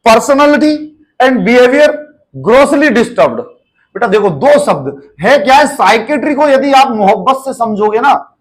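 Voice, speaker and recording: High-voiced man lecturing nursing students. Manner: direct, coaxing, calls students beta. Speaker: nursing exam teacher.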